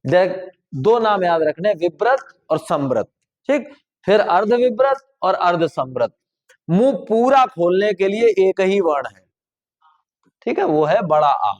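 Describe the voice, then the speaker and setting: A man's voice: high voice, expressive, measured pace, a little mellow. A man teaching a grammar lesson, explaining step by step in a conversational way and asking listeners to try the sounds aloud. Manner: conversational, repeats and checks with "ठीक". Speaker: Hindi teacher.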